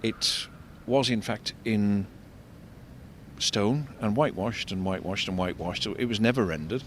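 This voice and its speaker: An older man giving unscripted commentary as an architect and local guide, discursive and explanatory, halting and repeating words. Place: outdoors in a shopping street. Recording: vehicle rumble, street noise. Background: faint street traffic rumble.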